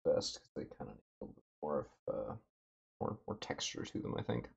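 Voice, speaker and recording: Low husky guy rambling on a stream while he paints, dry throat, slightly muffled mic. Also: brisk. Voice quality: dry throat, a bit rough. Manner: relaxed, thinking aloud with many fillers. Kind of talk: casual livestream chat. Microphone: desk mic with noise gate.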